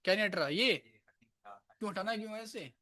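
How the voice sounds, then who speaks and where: A man's voice: high voice, expressive, brisk, bright, forceful tone. A man teaching programming to a class in a room, casual and chatty, coaxing and teasing his students. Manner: casual, scolds and coaxes students. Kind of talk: live classroom lecture.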